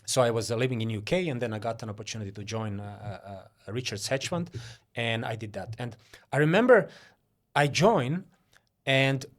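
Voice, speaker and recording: Man, from Croatia, interview guest, mid-pitched voice, chatty, restarts often. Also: normal speed. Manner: chatty, many fillers and restarts. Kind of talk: casual interview talk.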